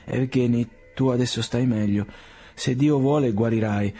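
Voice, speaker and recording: A man's voice: mid-range voice, moderate pace, dark tone, breathy edge, natural voice. A man voicing a frantic, pleading old father. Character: old country doctor, anxious, pleading father.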